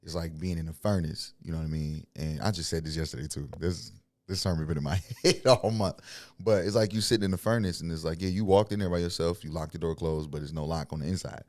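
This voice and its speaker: A man's voice: deep voice, fairly even intonation, quick pace, darkish tone, no room sound. A young man talking about his faith in an interview, blunt and preachy, telling stories and laughing often. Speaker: guest, signed music artist. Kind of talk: faith-centered interview talk.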